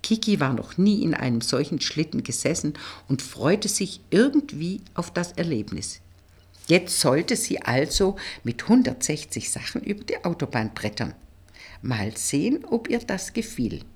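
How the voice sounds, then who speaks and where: A woman reads a novel aloud in a husky, low voice. Her delivery is expressive, with lively rises and falls in pitch. It is a storytelling audiobook narration. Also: measured pace.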